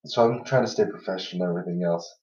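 A young man tells loose, filler-heavy anecdotes in a casual podcast chat, laughing through the funny parts. His voice sits low. He sounds set back from the mic in a roomy space with a dull, lo-fi tone. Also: very fast, darkish tone, far from the mic. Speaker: podcast co-host.

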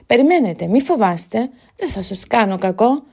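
A woman voicing a courteous young king who speaks gently and reassuringly. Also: fairly high pitch, animated, breathy edge. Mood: gentle, curious. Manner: gentle, reassuring, then commanding.

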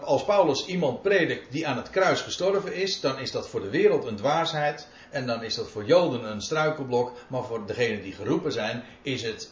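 Man, sermon, emphatic Bible explanation, roomy reverberant sound. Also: mid-range voice. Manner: emphatic, quotes and explains scripture. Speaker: preacher. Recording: roomy, dull lo-fi recording.

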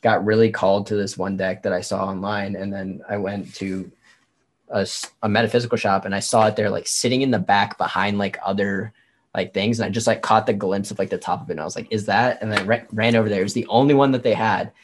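A man on a livestream, a performer and tarot reader, rambles informally with frequent "like"s in casual chat. His voice is lowish with fairly even intonation, and he talks fast.

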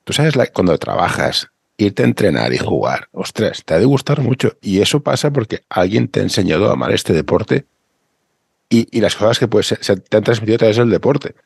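Deep gravelly guy interviewing, husky voice, dry close sound. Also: animated, brisk, darkish tone, no room sound. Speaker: interviewer and youth coach. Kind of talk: conversational interview.

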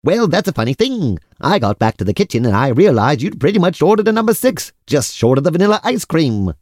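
A man's voice: on the high side, big pitch swings, a little fast, a little mellow, dry recording, studio quality. A man playing an obliging, formal restaurant waiter with polite, eager service patter in a comic audio drama. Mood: eager to please.

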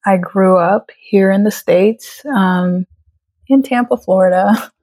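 A woman in her late twenties from Trinidad, a guest in a casual conversation, chatty and quick to laugh. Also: mid-range voice, a little mellow, dry recording. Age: late 20s. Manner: laughs often, chatty with fillers. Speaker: guest photographer.

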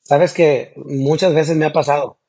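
High-voiced man, relaxed chat. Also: unhurried, breathy edge. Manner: relaxed, laughs easily, slangy. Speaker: singer of a regional band, guest. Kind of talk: casual interview chat.

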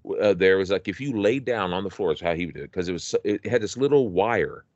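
A man's voice: deep voice, expressive, fast, a little mellow, no room sound, lo-fi sound. A man co-hosting a podcast, chatting casually and nostalgically, rambling with many restarts. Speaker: podcast co-host.

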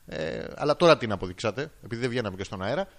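A man's voice: mid-range voice, expressive, creaky, a bit bright. A man co-hosting a casual comedy podcast, crude and playful in an emptied, echoey room. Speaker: podcast co-host.

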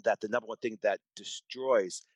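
A man in his forties tells stories from his medical practice in an interview. His voice sits fairly low and sounds dry and close, with no room around it. He talks emphatically, repeating words and restarting sentences as he goes. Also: steady tone, normal speed, dry recording, low-quality recording. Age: 40s. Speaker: podcast guest, doctor. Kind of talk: conversational interview storytelling.

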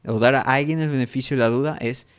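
A man's voice: medium pitch, steady tone, clean tone. A man teaching English phrases in an unscripted lesson, repeating each phrase and correcting himself as he goes. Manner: slow and deliberate, repeats English phrases twice; thinks aloud with fillers and self-corrections.

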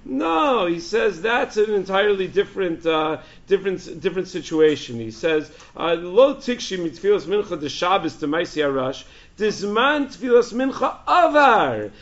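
High-pitched man teaching religious law, dull recording. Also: animated, moderate pace, few pauses, reverberant. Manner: rhetorical questions, repeating and answering himself. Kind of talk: religious lesson with quoted sources. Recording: dull, lo-fi sound.

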